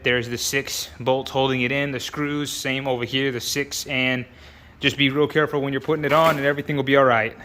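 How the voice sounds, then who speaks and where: A man hosting a casual car how-to vlog, talking informally and excitedly to viewers he calls guys. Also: medium pitch, a little hiss or hum. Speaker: car channel host. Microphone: phone camera.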